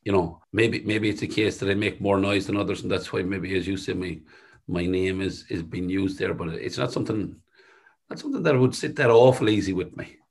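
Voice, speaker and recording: Middle aged guy w thick west of ireland accent, low raspy voice, modest halting interview chat. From Sligo, west of Ireland. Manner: modest, halting, circles back to rephrase. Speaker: company chief executive being interviewed. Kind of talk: conversational interview answers.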